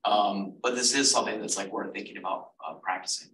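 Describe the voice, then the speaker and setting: A man's voice: lowish voice, steady tone, fast, a bit bright. Man rambling casually in an echoey room. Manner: rambling, filler-heavy, self-correcting. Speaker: economics advisor. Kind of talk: casual info session talk. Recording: echoey room, far from mic, faint noise.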